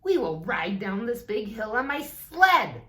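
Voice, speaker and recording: Friendly male frog for a picture book, woman performing. Higher-pitched, coaxing, encouraging, very animated. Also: a little slow. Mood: reassuring. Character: cheerful, encouraging male storybook frog, Toad's best friend. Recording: roomy echo.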